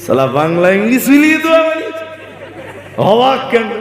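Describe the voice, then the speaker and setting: A man's voice: very high voice, sing-song, a little fast. A man from Assam preaching a humorous sermon, teasing the crowd with rhetorical questions. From Assam, India. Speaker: Islamic preacher. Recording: echoey hall with long reverb.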